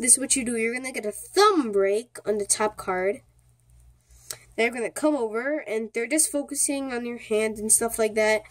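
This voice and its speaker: A speaker giving a casual, step-by-step card trick tutorial in an informal, repetitive way, often checking in with the listener. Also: mid-range voice. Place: indoors at a small table.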